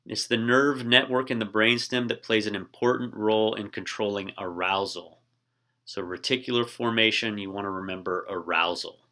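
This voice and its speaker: Man, teacher, casual lecture, lowish voice, bright tone, lots of ums. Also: normal speed. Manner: relaxed, with frequent ums and uhs.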